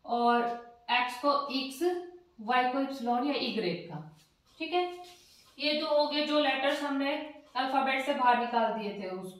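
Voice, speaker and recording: A woman teaching the alphabet, patiently spelling letters one by one and checking in with her learners. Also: sits high. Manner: patient, spells letters one by one, often says "theek hai". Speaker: language teacher. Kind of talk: slow step-by-step alphabet lesson. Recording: very echoey room, distant mic.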